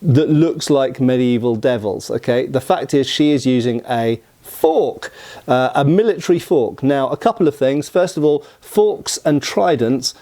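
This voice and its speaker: A man's voice: medium pitch, lively intonation, unhurried, warm tone. A man, enthusiastically explaining what makes a weapon design work, in a discursive commentary style. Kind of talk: explanatory commentary on game art.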